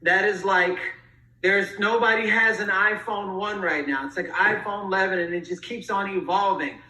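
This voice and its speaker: A woman with a bright, forceful voice speaks earnestly and with emphasis, stacking repeated phrases as she urges listeners toward growth. She sounds a little distant from the mic, in an echoey room. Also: mid-range voice, moderate pace. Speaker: guest speaker. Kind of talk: motivational talk.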